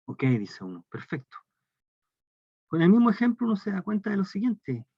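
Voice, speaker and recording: A man's voice: high voice, very animated, normal speed, gravelly, dark tone, slightly rough, no room sound. A man lecturing on calculus with a Chilean Spanish accent, explaining step by step and posing questions to the class. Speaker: math lecturer. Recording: dry, dull lo-fi lecture recording.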